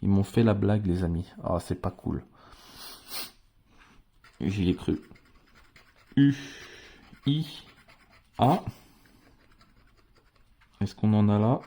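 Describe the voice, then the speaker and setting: A man's voice: lowish voice, animated, slow, gravelly, pauses often, warm tone, breathy edge. A man hosting a scratch-card video, chatting casually to his viewers as friends and spelling out letters one by one as he scratches. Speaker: scratch-card channel host. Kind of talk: casual vlog commentary while scratching tickets.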